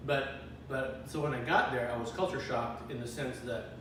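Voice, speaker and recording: A middle-aged man tells his life story in a relaxed interview, doubling back and restarting often. He is heard from a little way off in a very echoey room, with noticeable background noise. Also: mid-range voice, moderate pace, far from the mic. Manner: rambling, restarts often, chuckles now and then. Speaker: interview guest. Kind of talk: casual personal storytelling interview.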